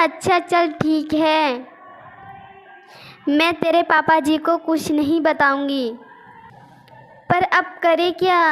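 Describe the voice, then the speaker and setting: Woman doing cartoon mother-in-law, older, high and even, loving but stern. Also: exaggerated voice. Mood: soothing.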